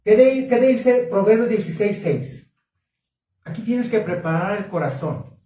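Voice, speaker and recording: A man preaching at a marriage conference, questioning the congregation in an animated way. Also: sits high, a little slow. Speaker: pastor. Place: church hall. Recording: echoey hall, mic from a distance.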